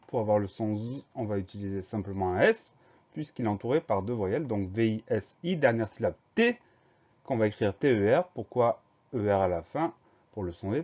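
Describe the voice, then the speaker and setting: A male teacher giving a spelling lesson for primary pupils, spelling words out slowly letter by letter. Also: on the low side, darkish tone. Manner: slow, careful letter-by-letter spelling. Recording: slightly dull lo-fi recording.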